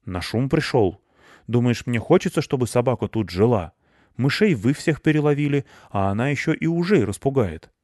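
A man's voice: on the low side, normal speed, darkish tone, no echo, clean studio sound, close to an everyday voice. A man voicing a self-important male hedgehog who lectures in a storybook. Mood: lecturing. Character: pompous know-it-all male hedgehog.

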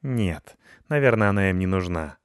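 A man's voice: low-pitched, animated, moderate pace, smooth, dry recording, studio quality. A man voicing a hot-tempered ginger tomcat who hisses and grumbles in indignation. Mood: grumbling, indignant. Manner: hissing, indignant.

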